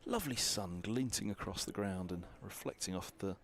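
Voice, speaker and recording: A man's voice: on the low side, normal speed, vocal fry. A man commentating on cricket from a balcony box, chatty and analytical, thinking aloud through scores with fillers.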